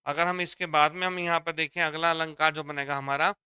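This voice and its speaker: Male Hindi teacher, fairly high, bright and crisp voice, dry close sound; explains patiently and repeats each point. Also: steady tone, a little fast, no room sound. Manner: explains step by step, repeats lines, addresses students as dear children. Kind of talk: exam-prep grammar lesson.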